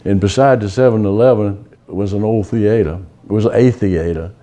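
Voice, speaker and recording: Man, 80s, from Virginia, deep voice, warm tone, folksy storyteller, unhurried. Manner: unhurried, folksy, many pauses and fillers. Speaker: local resident sharing memories. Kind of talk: casual reminiscing. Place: outdoors on a town street.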